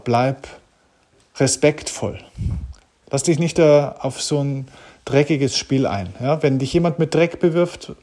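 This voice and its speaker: Guy giving a motivational q&a talk, husky voice, earnest and direct, talks right to you. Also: medium pitch, a little mellow. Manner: earnest, direct, addresses listener as du. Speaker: motivational speaker.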